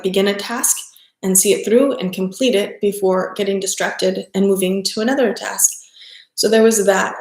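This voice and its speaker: Speaking in a slightly mellow, mid-range voice, this middle-aged South Texas woman teaches yoga and chats on a livestream. Her talk wanders, with plenty of ums and self-corrections, recorded in an echoey room.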